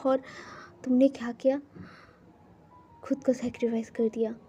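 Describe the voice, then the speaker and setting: A man's voice: extremely high pitch, completely flat delivery, unhurried, mellow. A man reading as a hurt young lover. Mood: reproachful. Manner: pleading, reproachful. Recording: dull lo-fi recording, faint music.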